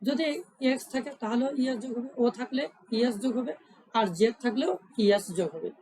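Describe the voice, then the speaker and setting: A woman's voice: fairly high pitch, moderate pace, mellow, breathy edge, low-quality recording. A woman teaching English grammar in a tutorial lesson, asking herself questions and answering them, repeating each rule.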